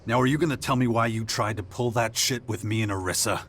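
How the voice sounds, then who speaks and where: A man as a terse, low-voiced, distrustful fighter. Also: fast, fairly bright tone, a little hiss or hum, natural voice. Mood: distrustful, irritated. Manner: terse, sardonic, skeptical. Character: distrustful, blunt male fighter chafing under orders. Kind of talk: video game dialogue acting.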